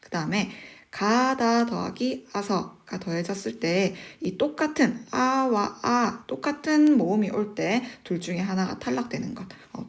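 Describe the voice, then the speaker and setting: A woman teacher explaining exam questions in an online lesson, patient and methodical, often pausing on "eo" and asking the class rhetorical questions. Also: medium pitch, gravelly. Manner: patient, step-by-step explaining with frequent "eo" fillers.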